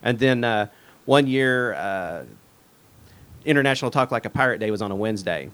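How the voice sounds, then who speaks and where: A man's voice: on the low side, lively intonation, normal speed, a bit bright, smooth. A middle-aged man, a guest chatting in an interview with many fillers and restarts. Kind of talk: casual interview chat.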